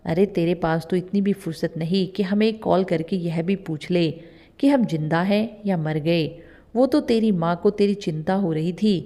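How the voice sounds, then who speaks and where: A gruff, quick-tempered old father from a storybook tale, read out by a woman. His voice is mellow and low, and his lines come out stern and scolding. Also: lightly acted. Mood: angry.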